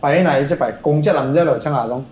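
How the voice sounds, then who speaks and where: A man talks at a quick clip as a podcast guest, spinning loose, rambling stories full of filler sounds. His voice bounces around an echoey room, with a faint ambient hum underneath. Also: fairly high pitch, darkish tone. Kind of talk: casual podcast chat.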